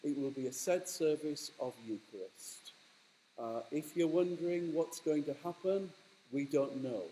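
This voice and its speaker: Kindly middle-aged vicar welcoming worshippers. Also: male voice, on the high side, unhurried, warm tone, slight background noise, low-quality recording. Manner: kindly vicar addressing his congregation. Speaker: parish priest welcoming online worshippers. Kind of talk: informal welcome before a church service. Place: inside a stone church.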